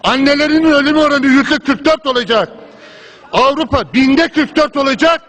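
A member of parliament with a very high, fairly bright voice makes an impassioned political speech at a moderate pace, driving home a repeated refrain. He keeps going through interruptions from the rostrum of the parliament chamber, where a long hall reverb trails his words.

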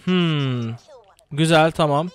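A young man giving casual, excitable gameplay commentary, swearing and repeating words rapidly. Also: a little high, clear, resonant tone.

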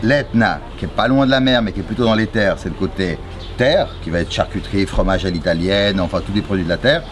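Low-voiced chef over traffic noise. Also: male voice, lively intonation, fast talker. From Geneva. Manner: enthusiastic, detailed explanations. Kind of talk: explaining dishes to guests. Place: outdoor restaurant terrace. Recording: outdoor city traffic noise.

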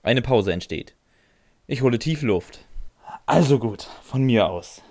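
A man's voice: mid-range voice, lively intonation, a little slow, darkish tone, no echo. A man narrating a first-person fan audio drama in a dry, sardonic way, answering with hesitant "äh"s.

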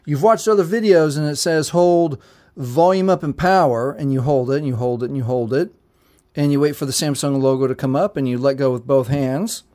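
A man with a medium-pitched, darkish voice hosts a tech tutorial, talking fairly quickly. Sitting indoors at a table with a phone held to the camera, he guides the viewer step by step through resetting it in a direct, repetitive way.

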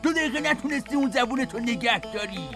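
A man's voice: very high-pitched, animated, music in the background. A man dubbing an exasperated, grumbling middle-aged village headman. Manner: exasperated, complaining. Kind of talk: dubbed TV drama.

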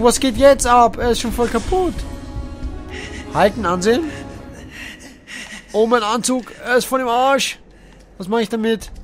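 A man giving playful, hammy gameplay commentary, dropping in English phrases and sudden shouts. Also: high voice. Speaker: let's play gamer.

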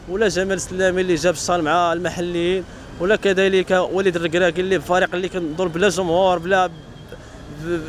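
A man's voice: high voice, a little hiss or hum. A man with a Moroccan accent giving an indignant street opinion, talking emphatically. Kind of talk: street vox pop interview.

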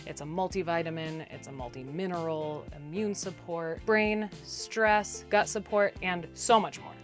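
A woman's voice: fairly low pitch, unhurried, over music. A woman in her thirties, a travel vlogger chatting casually on camera and talking to her dog, filmed at arm's length outdoors and in a camper van. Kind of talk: casual vlog narration.

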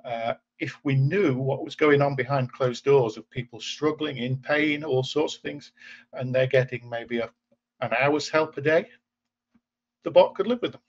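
A man's voice: mid-range voice, normal speed, a little hiss or hum. A man in his forties from England, hosting a casual video-call interview and musing thoughtfully, often restarting phrases. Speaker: host. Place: indoor room at home. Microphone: webcam video call. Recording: muffled lo-fi video-call audio.

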